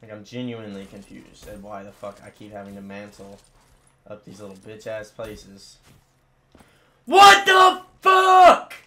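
A young man cursing his way through gameplay commentary, frustrated and bursting into loud yells. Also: on the low side, flat delivery, normal speed, a little hiss or hum. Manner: swearing, frustrated, bursts into yelling. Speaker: gamer.

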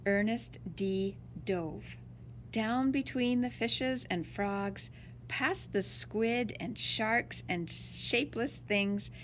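A woman with a medium-pitched voice reads a children's picture book aloud expressively, like a teacher, drawing out words for dramatic effect. The recording is rough, with a little hiss or hum.

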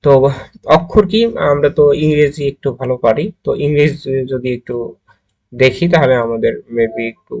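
A man's voice: medium pitch, moderate pace, darkish tone, lo-fi sound. A man with a Bangladeshi Bengali accent, teaching a grammar video lecture. He mixes English words into his explanations and keeps asking if the class is following. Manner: mixes English words into explanations, often checks with "ঠিক আছে?".

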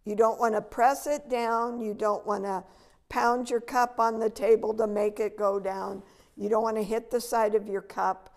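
A woman's voice: on the high side, fairly even intonation, moderate pace. An older woman giving a patient, step-by-step cooking demonstration in a large demo kitchen, filmed from a distance. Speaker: extension educator.

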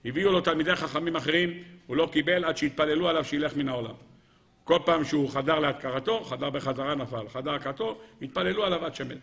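A man, a rabbi giving a Torah lesson, retelling Talmud stories with repetition and sudden emphatic high cries, talking straight to his listeners. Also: vocal fry, a bit bright. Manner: dramatic storyteller, repeats phrases, leaps to high emphatic cries; addresses listeners directly. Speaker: rabbi teaching a weekly lesson.

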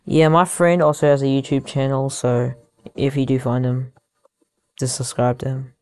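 A young man giving casual gameplay commentary into headphones used as a mic, haltingly thinking aloud as he goes. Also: mid-range voice, level tone, darkish tone, smooth, no room sound. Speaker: gaming YouTuber.

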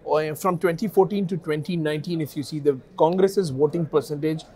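The guest, an analyst in his thirties, talks deliberately and with plenty of filler words while wearing a lapel mic in a news studio. His pitch is fairly high and mellow.

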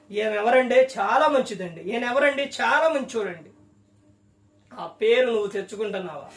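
Preacher asking rhetorical questions, high-pitched. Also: echoey room, far from the mic. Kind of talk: sermon.

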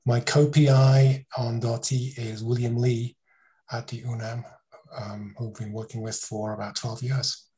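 A man's voice: medium pitch, flat delivery, measured pace, warm tone. Conversational man giving an academic talk. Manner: conversational, self-correcting, asks rhetorical questions. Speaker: conference speaker. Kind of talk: academic talk over a video call. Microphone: video call.

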